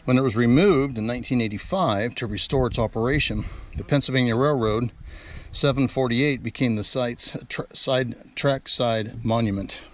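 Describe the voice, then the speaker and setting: A man's voice: mid-range voice, normal speed. A man narrating a casual travel vlog outdoors, talking eagerly as he walks and points things out, with outdoor sound behind him. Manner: chatty, enthusiastic tour-guide talk. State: out of breath while climbing. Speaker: vlogger. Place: outdoors at a railroad overlook.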